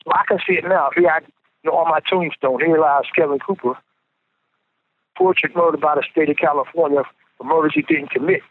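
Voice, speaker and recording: Guy on a prison payphone call, kinda high voice, tinny phone line, earnest, repeats himself. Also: fairly quick. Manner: earnest, repeats words as he restarts. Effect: payphone call over a tinny prison phone line. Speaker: incarcerated interviewee calling in. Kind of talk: casual phone interview. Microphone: prison payphone handset.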